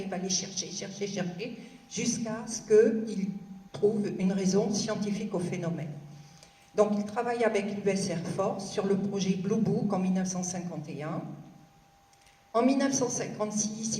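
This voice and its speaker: A French woman giving a live lecture to an audience, loud and unused to the microphone, full of hesitant fillers. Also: mid-range voice. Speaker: conference speaker, association investigator. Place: lecture hall. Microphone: handheld or stand microphone. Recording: echoey hall.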